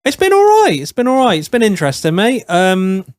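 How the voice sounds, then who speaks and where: A man, co-hosting a casual podcast chat with dry, deadpan jokes. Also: high-pitched, a little fast, dry recording. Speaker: podcast co-host.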